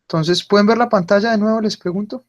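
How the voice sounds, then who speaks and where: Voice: medium pitch, steady tone, fast talker, highs cut off. Online German teacher. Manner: patient, drills pronunciation by repeating words. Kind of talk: online class explanation. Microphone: computer mic on a video call.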